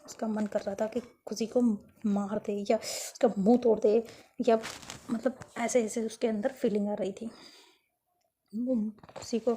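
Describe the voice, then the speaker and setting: A woman's voice: fairly high pitch, mellow. A woman telling a school romance story in a casual spoken way, retelling each character's lines with "so she says" and frequent restarts.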